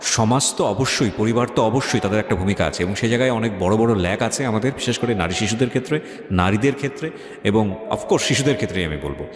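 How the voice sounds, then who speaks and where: A male radio host with a Bangladeshi accent runs a conversational interview, dropping English phrases into his talk in a lowish voice with lively intonation and a quick pace. The sound is echoey with long reverb, and music plays behind him.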